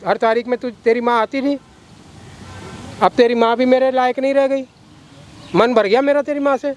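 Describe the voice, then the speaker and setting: A man's voice: extremely high pitch, fairly even intonation, moderate pace, slight background noise. A man playing a corrupt, coercive lawyer who talks down to a girl in a coaxing, threatening way. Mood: menacing. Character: corrupt scheming male lawyer, menacing and coercive. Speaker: villain in a short film.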